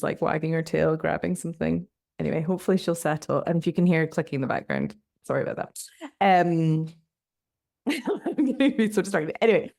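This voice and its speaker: A woman hosting her own podcast, talking in a chatty, upbeat way with lots of filler words. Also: on the low side. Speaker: podcast host. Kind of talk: casual solo podcast chat.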